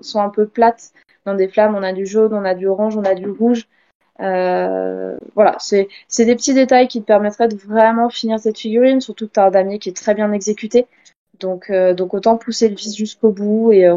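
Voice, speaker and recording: A woman giving casual, friendly critique of painted miniatures, pausing often with fillers. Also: medium pitch, dark tone, muffled recording. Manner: hesitant, many fillers, friendly.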